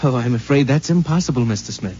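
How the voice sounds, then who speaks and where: An actor playing a polite, deferential bank teller in a 1950s radio drama. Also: male voice, mid-range voice, animated, fast talker, warm tone, soft background music, close to an everyday voice. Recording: dull old radio broadcast recording.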